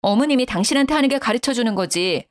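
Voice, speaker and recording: A woman's voice: a little high, expressive, fast talker, voice pushed up, natural voice. A woman voicing a young husband who answers his wife in a defensive, irritated way.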